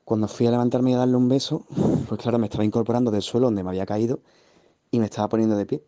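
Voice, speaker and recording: Man, very dark timbre, rambling storyteller, guest. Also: mid-range voice, steady tone, rapid-fire. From Seville, Spain. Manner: vivid, meandering retelling with asides. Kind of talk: personal storytelling.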